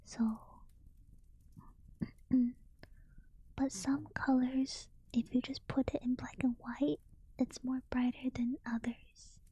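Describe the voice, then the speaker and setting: A sleepy woman whispering softly as she chats with her stream and reads a book aloud. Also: high voice, little pitch movement, slow pace, long pauses, husky, rough recording. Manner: soft unvoiced whisper throughout. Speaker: livestream host. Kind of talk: whispered casual stream chat and reading aloud.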